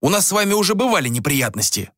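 A stern, bossy innkeeper barking orders in a storybook reading, in a raised voice well above the reader's own, as a man puts him on. The delivery is animated and the sound dry and close. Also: high voice, quick pace, dry recording, voice pushed up, heavily acted. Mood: commanding. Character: stern middle-aged innkeeper, bossy and loud.

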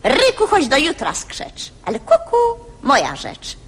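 A woman's voice: sits high, huge pitch swings, measured pace, background noise, heavily acted. A woman voicing a stubborn female cuckoo answering back in a sing-song way, in an archival radio recording with hall reverb. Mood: defiant.

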